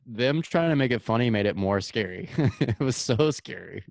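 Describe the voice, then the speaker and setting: A man's voice: mid-range voice, animated, normal speed, creaky, darkish tone, no room sound. A young man co-hosting a podcast, chatting casually, laughing often and letting sentences trail off. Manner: laid-back, laughing, trailing off. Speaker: podcast co-host. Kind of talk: casual chat.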